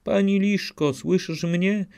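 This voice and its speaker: A man's voice: sits high, steady tone, takes it slowly, gravelly, a little mellow, smooth, pitched above the performer's own voice, heavily acted. A young female cat serving as a chatty maid in a storybook, her replies coming out as sing-song rhymes. A man voices her with a slightly raised voice and an eager lilt.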